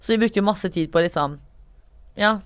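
Young woman in her 20s, storyteller, low-ish voice, swears casually, bursts into shrieks when she acts out quotes. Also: clear, resonant tone.

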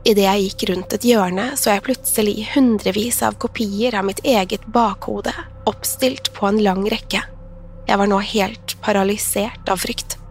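A woman's voice: medium pitch, steady tone. Woman narrating a horror story. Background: soft music.

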